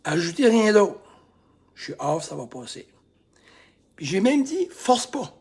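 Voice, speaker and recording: A Québécois man with a very husky, breathy voice, pitched a little above most men, speaks as a life coach in a motivational talk to camera. He punches key phrases loudly, then drops to a hushed, almost whispered calm. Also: measured pace. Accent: Québécois French. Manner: swings between loud emphatic bursts and hushed near-whispers.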